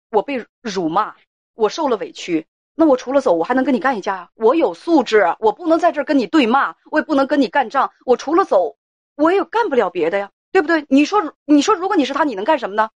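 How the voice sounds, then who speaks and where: A woman's voice: high voice, big pitch swings, fast talker, no room sound. A woman voicing an indignant older mother-in-law who scolds her daughter-in-law with rhetorical questions. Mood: aggrieved.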